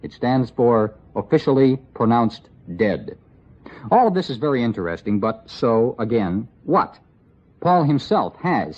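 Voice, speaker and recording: A man's voice: mid-range voice, slightly rough. A man narrating a scripted radio report with wry, dry asides. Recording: lo-fi 1960s radio broadcast.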